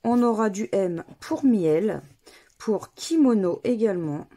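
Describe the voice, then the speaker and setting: A woman's voice: medium pitch, lively intonation, takes it slowly, mellow. A woman vlogger talking casually as she plays scratch games, methodically spelling out letters and numbers one by one. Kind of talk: casual commentary while playing scratch games.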